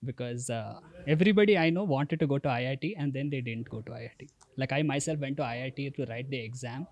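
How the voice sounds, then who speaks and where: A man with an Indian accent hosts a podcast interview. His voice is medium in pitch, and he talks in a conversational way as he puts questions to his guest. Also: fast, lo-fi sound. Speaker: podcast host, stand-up comedian.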